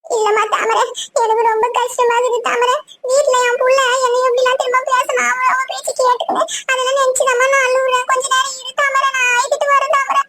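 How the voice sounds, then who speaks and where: A very high, squeaky voice from a woman doing a cartoon voice plays a wronged, tearful mother. She talks at almost one pitch, with little rise or fall, and pours out her grief in a steady plaintive flow. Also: fast talker. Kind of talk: cartoon voice acting.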